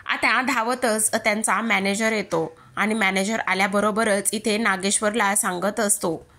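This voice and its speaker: A woman retelling a TV serial episode in steady, present-tense storytelling narration. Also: mid-range voice, measured pace.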